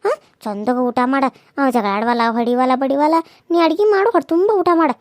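Woman playing a motherly village akka, lower but still high, dry. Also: big pitch swings, a little fast, dry recording. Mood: reassuring. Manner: soothing, bossy-kind, reassuring. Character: caring older neighbour woman, motherly. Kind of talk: cartoon serial voice acting.

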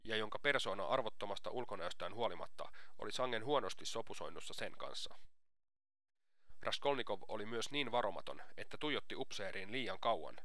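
A man reading an audiobook aloud, in a steady, measured narrating voice. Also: fairly low pitch, no echo, clean studio sound. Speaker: audiobook reader. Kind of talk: scripted narration.

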